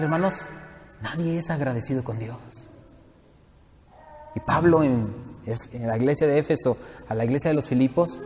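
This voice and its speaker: A man preaching in a church hall, his voice pitched a little high and trailing a long echo. He jokes and asks the congregation questions as he goes. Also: a little hiss or hum. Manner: lively, joking, addresses the congregation directly. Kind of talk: sermon.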